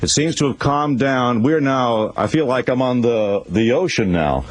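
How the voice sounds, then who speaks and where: A man's voice: medium pitch, lively intonation, a little slow. A male radio host crouched under his desk during an earthquake, describing the shaking live on air with urgency.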